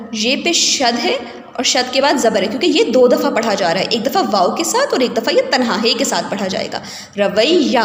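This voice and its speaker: A woman's voice: a little high, slight background noise. A woman teaching a recorded lesson, explaining carefully and spelling out vowel marks letter by letter. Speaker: Urdu teacher. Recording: echoey room with long reverb.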